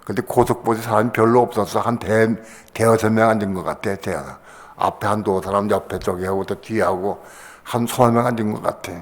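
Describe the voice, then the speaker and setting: A man's voice: steady tone, brisk. An older man, a pastor, giving an emotional sermon testimony, his voice leaping up in passionate bursts. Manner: emotional, pitch rising sharply in passionate bursts. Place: church sanctuary. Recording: church hall with long reverb.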